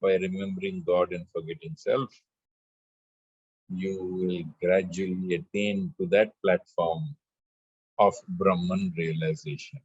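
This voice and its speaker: A man teaching spiritual lessons in a measured way, chanting scripture verses between his explanations. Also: sits low, flat delivery, breathy edge, dry recording, muffled recording. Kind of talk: spiritual discourse with scripture recitation.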